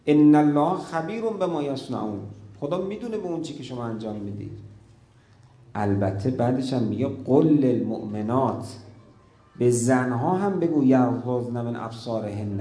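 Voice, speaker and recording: Guy preaching a sermon in a roomy echoey space, storytelling, goes quiet at the big moments. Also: mid-range voice. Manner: emotive storytelling, drops to a hush at key moments. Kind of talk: religious sermon.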